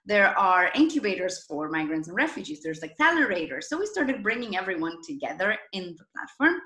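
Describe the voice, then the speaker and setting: A woman's voice: medium pitch, very animated, brisk, sharp tone, roomy sound. A woman in her thirties from Argentina, a startup founder telling her story as an interview guest with eager enthusiasm. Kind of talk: video interview.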